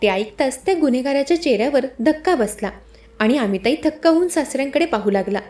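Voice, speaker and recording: A woman narrating a scripted first-person story in a steady, dramatic storytelling manner. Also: high-pitched, quick pace.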